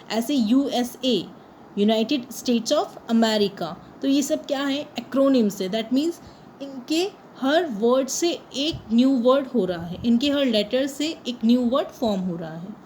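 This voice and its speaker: Woman teaching grammar, higher voice. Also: darkish tone, slight background noise, low-quality recording. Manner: asks the class questions and answers them herself, switches between Hindi and English; reads English definitions slowly and carefully. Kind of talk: bilingual grammar lesson.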